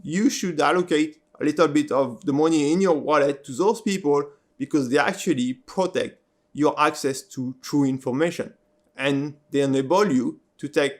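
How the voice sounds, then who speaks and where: A man's voice: a little high, a little mellow. A male host whose first language is French, earnestly explaining his point to viewers and often asking "right?". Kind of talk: video introduction and interview.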